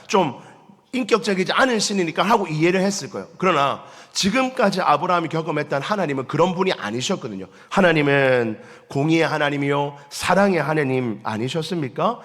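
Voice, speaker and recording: A man preaching a Sunday morning sermon as pastor, lively, acting out the voices he quotes and asking the congregation questions. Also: on the high side, a little fast. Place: church sanctuary. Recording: long church reverb.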